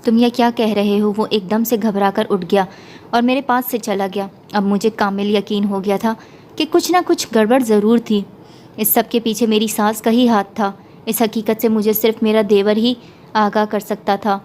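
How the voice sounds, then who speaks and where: A woman storyteller reading an emotional first-person story in a steady, emotive way. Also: mid-range voice, slight background noise. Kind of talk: scripted story narration.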